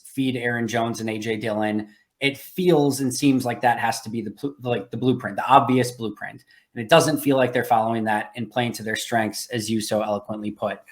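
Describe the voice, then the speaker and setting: A man hosting a sports podcast, talking conversationally in an analytical, explanatory way. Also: mid-range voice. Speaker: podcast host.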